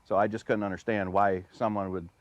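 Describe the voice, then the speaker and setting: A man's voice: on the low side, little pitch movement, fairly quick, muffled recording, a little hiss or hum. A man giving a plain, conversational eyewitness account in a news interview, somewhat subdued. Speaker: interviewed dog owner.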